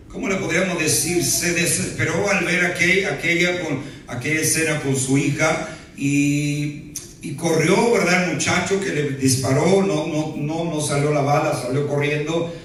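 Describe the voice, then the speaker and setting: A pastor with a slightly high, bright voice preaches unhurriedly to his congregation in a church sanctuary, tagging sentences with "¿verdad?" and joking in between. The hall is very echoey, his voice sounds far off, and there's slight background noise.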